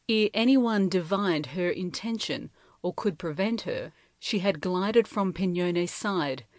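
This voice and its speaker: A woman reading a novel aloud in measured, steady storytelling narration. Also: fairly low pitch, dry recording, clean studio sound. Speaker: audiobook reader.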